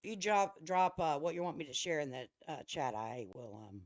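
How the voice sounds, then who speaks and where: A woman with a low-pitched, animated voice talks at normal speed while hosting a casual reaction livestream. Her commentary is folksy, sarcastic and mocking.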